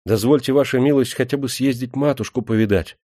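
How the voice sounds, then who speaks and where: A man's voice: mid-range voice, a little fast, dark tone, dry recording, studio quality, voice pushed up, natural voice. A man voicing a timid young male serf musician who speaks meekly and pleads. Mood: pleading. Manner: meek and pleading.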